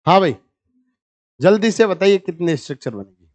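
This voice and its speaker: A male chemistry teacher with a high voice and big pitch swings lectures a live class at a fairly quick pace. He banters and teases his students, works through each problem step by step, and calls on them for answers.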